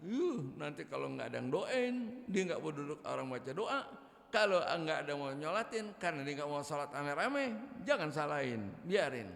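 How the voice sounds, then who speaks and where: A man's voice: on the high side, big pitch swings, moderate pace, gravelly, fairly bright tone. A man, preaching in a mosque with humor and acting out quoted dialogue. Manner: jokey, acts out quoted dialogue. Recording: echoey mosque hall.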